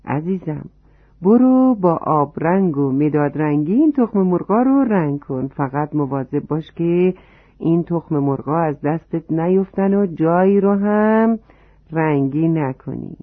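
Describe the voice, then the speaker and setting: A narrator voicing a gentle, patient mother in a children's story, speaking in a soft, coaxing way. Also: mid-range voice, lively intonation, no room sound, lightly acted. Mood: tender. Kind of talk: storybook reading. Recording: dry, tinny phone-like sound.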